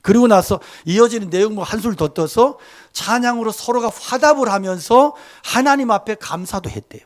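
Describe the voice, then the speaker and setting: A male pastor delivering a Sunday sermon, moving between quiet, conversational asides and loud, emphatic exhortation. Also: sits high, normal speed. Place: church.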